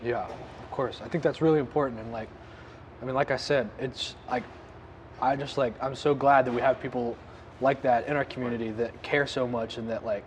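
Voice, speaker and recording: A man's voice: mid-range voice, fairly even intonation, fairly quick, slight background noise. Upbeat young male host. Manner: upbeat, filler-heavy, says like a lot. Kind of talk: casual interview chat. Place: restaurant, indoors.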